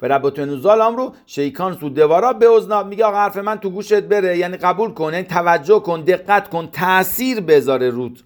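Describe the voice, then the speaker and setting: A man's voice: high-pitched, few pauses. A man giving a text study lesson, chanting scripture verses and then explaining them, posing questions as he goes. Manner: poses questions to the listener. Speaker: Torah teacher.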